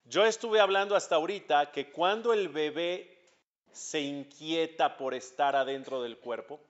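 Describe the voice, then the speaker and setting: This rabbi speaks unhurriedly in a voice on the high side, giving a religious class on a dull, lo-fi recording. He brings the story to life by acting out the dialogue, and he keeps asking the audience questions.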